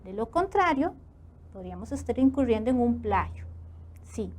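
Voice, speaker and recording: A Costa Rican woman teaching a Spanish lesson for television. Her voice sits fairly high, and she keeps drawing her young viewers in with questions to the class. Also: sing-song, moderate pace. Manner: asks students rhetorical questions, warm classroom tone.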